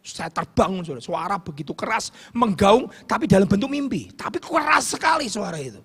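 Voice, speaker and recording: A man preaching a sermon as pastor, fervent, swinging between loud shouts and hushed asides. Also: high voice, very animated, a little fast, slightly rough. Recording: long hall reverb.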